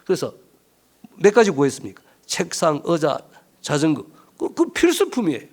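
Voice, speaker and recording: A man's voice: a little high, wildly swooping pitch, moderate pace, darkish tone. A male pastor with a Gyeongsang Korean accent, preaching a sermon and telling a story emphatically, often tossing in short questioning interjections.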